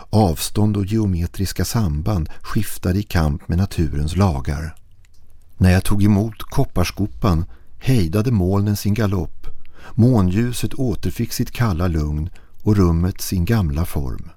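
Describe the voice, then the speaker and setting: A man narrating a listener's horror story in a slow, hushed, brooding manner. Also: sits low, no echo.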